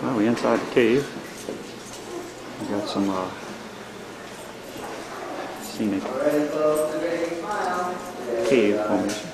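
A man's voice: lowish voice, takes it slowly, gravelly, pauses often. A father casually narrating a home video with a cave echo around his voice as he films inside a cave. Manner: relaxed, chatty, describing what he films. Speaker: father filming a family trip. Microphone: handheld camcorder mic. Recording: echoey cave, loud background noise.

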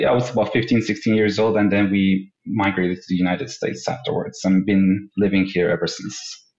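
A man in his thirties from Iran, a guest speaking earnestly in a casual interview, often saying "you know". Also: on the low side. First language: Persian. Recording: roomy, dull lo-fi remote line.

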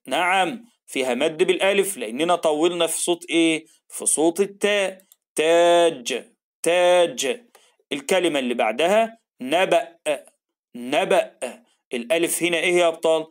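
A man's voice: fairly high pitch, animated, fast talker. A man with an Egyptian Arabic accent teaching a children's reading lesson, encouraging and stretching out syllables as he models them.

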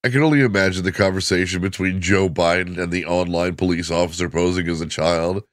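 Low-voiced middle-aged man trying not to laugh. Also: steady tone, fairly quick, no room sound, studio quality. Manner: trying not to laugh, breaking into chuckles mid-sentence. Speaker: host of a reaction video show. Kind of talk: casual comedic reaction commentary.

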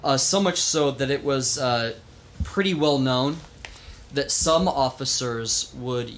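A man hosting a casual history podcast, telling the story with animated emphasis and the odd swear word. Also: mid-range voice, slow, slight background noise. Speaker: podcast host.

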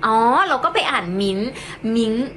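A woman's voice: a little high, expressive, moderate pace, bright, forceful tone, a little hiss or hum, rough recording. A young woman from Thailand chatting casually on a phone live stream, thanking viewers and cooing affectionately over her cats.

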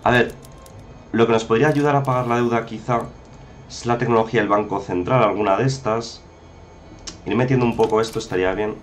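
A man's voice: lowish voice, fairly even intonation, a little fast, long pauses, a little hiss or hum. A man giving chatty, casual commentary over a strategy game, often exclaiming and talking to viewers. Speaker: gameplay commentator.

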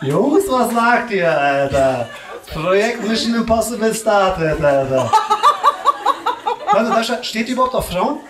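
A man's voice: high-pitched, sing-song, unhurried. A man doing live stand-up crowd work on a comedy club stage, teasing the audience in slangy street talk. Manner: slangy and teasing, drops "Alter" and "Digga" constantly. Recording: echoey club room with loud hiss and clicks.

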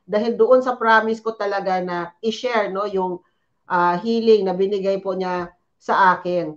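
A middle-aged woman from the Philippines, a naturopathic doctor, telling stories in an interview in a chatty, animated way full of little fillers. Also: mid-range voice, measured pace, highs cut off. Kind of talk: Taglish interview storytelling.

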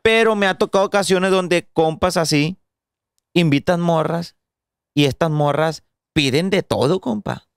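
Young mexican dude on a podcast, kinda high clear voice, swearing and slang nonstop, dry close sound. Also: male voice, unhurried, dry recording. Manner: slangy, swears often, lectures with advice. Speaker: podcast co-host. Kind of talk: casual crude banter.

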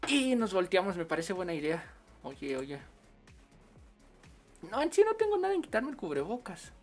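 A man with a Mexican accent chatting casually on a game livestream, full of slang and quick laughs. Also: high voice, sing-song, soft background music. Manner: slangy, laughs often while storytelling. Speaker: game streamer.

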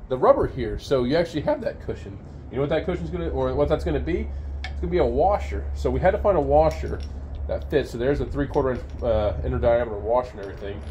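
A man's voice: fairly high pitch, a little hiss or hum. A man who owns a sawmill casually walks through a repair step by step, recorded outdoors on a handheld camera beside the machine. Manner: relaxed, explains step by step with fillers. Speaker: sawmill owner showing a repair. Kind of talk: casual how-to demonstration. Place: outdoors at a sawmill under an open shed.

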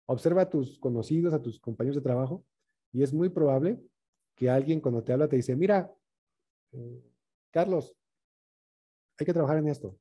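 Husky, dark-voiced man teaching. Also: medium pitch. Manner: checks in with tag questions like "right?". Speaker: workshop trainer on communication. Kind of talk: conversational workshop talk.

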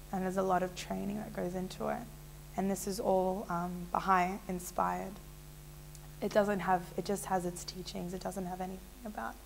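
A young woman from Israel tells her personal story to a fixed camera in a small indoor room, rambling casually with lots of fillers. Her medium-pitched voice is creaky, and the low-quality recording carries slight background noise.

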